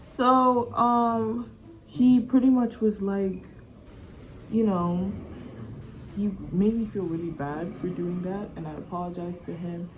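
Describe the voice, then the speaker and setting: A woman's voice: medium pitch, takes it slowly, low-quality recording. A young woman vlogger telling a casual storytime, chatty and full of fillers and restarts. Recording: faint background noise.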